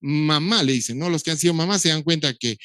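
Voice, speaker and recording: A man's voice: a little high, fast talker, pushed and bright, dry recording. A middle-aged man, giving a recorded lecture on how children learn to speak, explaining step by step with touches of dry humor. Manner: explanatory, imitates baby sounds, dry humor. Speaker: doctor lecturing on child development.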